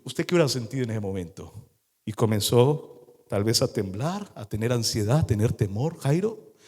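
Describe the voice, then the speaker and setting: A man's voice: medium pitch, expressive, normal speed, darkish tone, breathy edge. A male pastor preaching a sermon, telling the story dramatically and acting out the scenes as he goes. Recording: long hall reverb.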